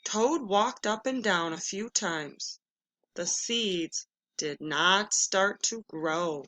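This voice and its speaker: Bright-voiced woman teacher, very expressive. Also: mid-range voice, very slow, rough recording. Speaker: elementary school teacher. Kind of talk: children's read-aloud lesson.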